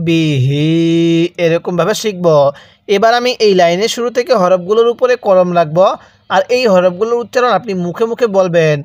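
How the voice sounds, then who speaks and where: A high-pitched male voice, recorded without echo, guides a learner through Quran recitation step by step. The teacher, from Bangladesh, lengthens each syllable slowly and keeps repeating so the learner can read along.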